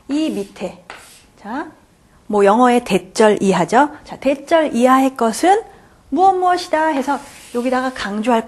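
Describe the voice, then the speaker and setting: Woman grammar lecturer, animated and slightly husky, patient and repetitive. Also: fairly high pitch. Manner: patient, repeats key points, frequent "자" and questions to students. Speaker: French grammar teacher. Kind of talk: classroom lecture.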